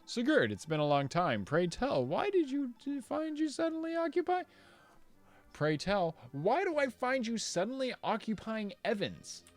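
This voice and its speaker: Lofty noble knight from a video game, high and loud, probing, as a streamer puts him on. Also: male voice, big pitch swings, moderate pace, exaggerated voice. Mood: suspicious. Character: haughty noble knight, male, questioning. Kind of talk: reading game dialogue aloud.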